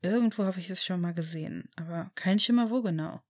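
Earnest steady young guy, woman reading him, calm and soft, dry close sound. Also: lowish voice, a little fast, no echo, lightly acted. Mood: reassuring. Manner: reassuring, earnest. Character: young man, caring and steady. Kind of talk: audiobook reading of fan fiction.

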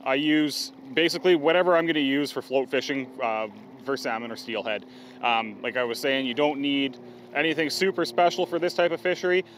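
A man's voice: medium pitch, fairly even intonation, fairly quick, fairly bright tone, slight background noise. A middle-aged man, giving a practical outdoor how-to on a riverbank, with plain explaining and some fillers. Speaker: fishing guide demonstrating gear.

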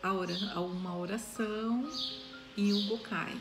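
A woman in her forties giving a casual talk to the camera, unhurried, with pauses and frequent questioning tags. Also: medium pitch, steady tone, over loud music. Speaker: Reiki student giving a talk. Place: small room indoors.

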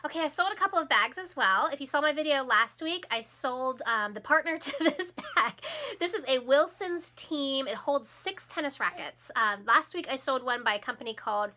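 Recovering from a cold, this resale vlogger in her thirties has a high, ringing voice with a slightly hoarse edge. She chats upbeat and close to the camera in a small room at home, using lively intonation at a moderate pace and laughing easily.

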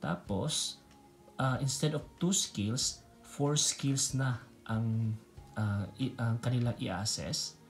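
A man's voice: medium pitch, takes it slowly, soft background music. A man in his thirties with a Filipino accent and Bisaya as his native language, mixing Tagalog and English as he explains things in a casual instructional vlog. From Philippines. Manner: mixes Tagalog and English (Taglish). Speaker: nurse educator, video host. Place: small room indoors.

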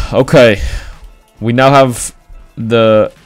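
A man's voice: medium pitch, fairly even intonation, drawn-out words, no room sound, faint music behind. A young man hosting a gaming video, mixing casual chat with narration. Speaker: video creator, host.

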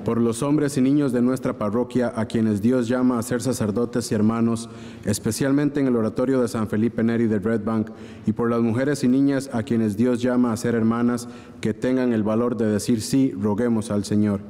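A man leads the prayers of the faithful in a steady, measured cadence. His mellow voice fills a large church, and a long cathedral echo trails after every phrase. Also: medium pitch. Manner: steady, measured liturgical reading. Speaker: lector. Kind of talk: reading intercessions at mass. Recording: long echoing church reverb.

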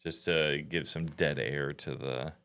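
A man's voice: a bass voice, fairly even intonation, measured pace, fairly bright tone, smooth. A young man co-hosting a reaction video, trading dry, wry jokes on a studio mic in a small room. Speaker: reaction channel co-host. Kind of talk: casual reaction chat. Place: small room with red lighting, indoors. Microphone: studio mic on boom, headphones.

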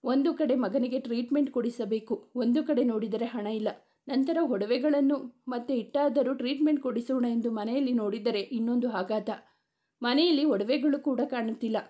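Woman storyteller, fairly high voice, steady dramatic narration. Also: normal speed.

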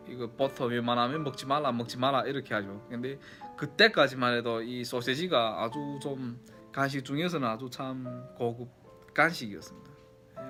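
Bright-voiced man with a Yanbian Korean accent. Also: medium pitch. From Yanbian, China. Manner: chatty, polite formal endings. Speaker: vlogger. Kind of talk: casual nostalgic storytelling to viewers.

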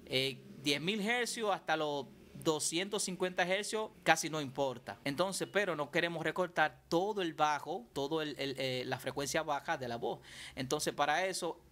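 Guy explaining music production, kinda high voice, talks loose and repeats stuff. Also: bright, forceful tone. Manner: chatty, repeats and restarts phrases while explaining. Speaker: music producer teaching vocal mixing. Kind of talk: casual tutorial.

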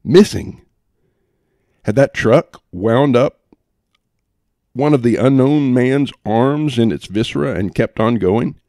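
A man's voice: mid-range voice, slow, long pauses, dark tone, dry recording, studio quality. A man reading a humorous first-person story aloud, with a wry, theatrical delivery. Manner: wry, theatrical delivery with playful voices for quotes. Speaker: audiobook narrator.

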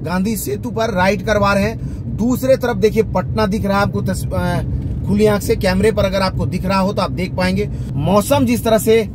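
A man's voice: high-pitched, normal speed. A man, reporting as he drives, giving running commentary from inside a car. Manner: running commentary while driving. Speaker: local news reporter. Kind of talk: on-the-road video report. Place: inside a moving car on a bridge, outdoors at the end. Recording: road and traffic noise.

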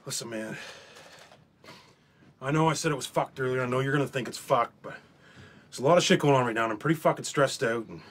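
A man playing Ricky, a fast-talking muddled friend. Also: medium pitch, fairly bright tone, slight background noise, close to an everyday voice. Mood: worried. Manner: rambling, mangles sayings. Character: rambling, muddled but loyal friend.

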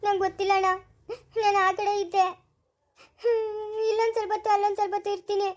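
A woman's voice: very high voice, level tone, fast talker. A young female performer playing an orphaned village girl who begs not to be called a thief, in a family drama. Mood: pleading. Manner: pleading, begging. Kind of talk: amateur family drama acting.

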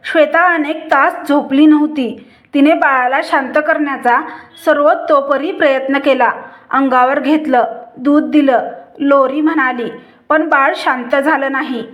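A woman with a high voice narrating a heartfelt family story. Her pace is slow and measured, each line delivered with care. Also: fairly even intonation, dull audio.

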